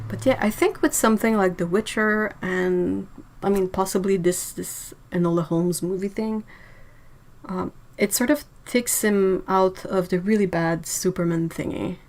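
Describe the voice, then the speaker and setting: A woman's voice: mid-range voice, moderate pace, a little mellow, poor audio. Chatty woman hosting a livestream. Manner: chatty, laughs often, reacts to chat messages. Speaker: livestream host. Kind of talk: casual livestream chat.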